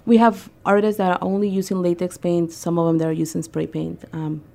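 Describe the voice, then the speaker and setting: Low, gravelly-voiced woman guest. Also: flat delivery, brisk, mellow. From Peru. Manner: conversational, frequent ums and uhs. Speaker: guest, arts organizer. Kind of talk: radio interview.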